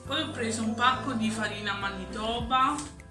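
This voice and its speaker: A woman's voice: a little high, moderate pace. A woman still getting over the flu, casually presenting a grocery haul item by item. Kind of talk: casual item-by-item shopping narration. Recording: roomy echo, distant mic, music behind. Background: music.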